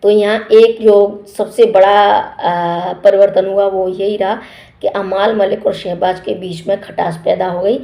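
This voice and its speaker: A woman's voice: mid-range voice, level tone, a little slow, dark tone. Woman chatting in a roomy echo. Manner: chatty retelling with many fillers and restarts. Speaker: TV show reviewer. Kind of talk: casual spoken episode review.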